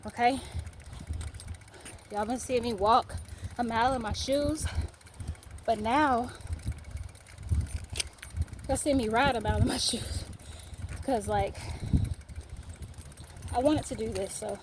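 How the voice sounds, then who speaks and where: A woman's voice: a little high, takes it slowly, long pauses, slight background noise. A woman vlogging casually while riding a bike up hills outdoors, out of breath and laughing between playful exclamations. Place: outdoors on a bike on hilly roads.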